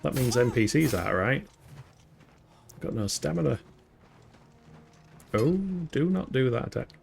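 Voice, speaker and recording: A man's voice: medium pitch, big pitch swings, a little slow, vocal fry, soft background music. A man giving casual, joking commentary as he streams a game, laughing often.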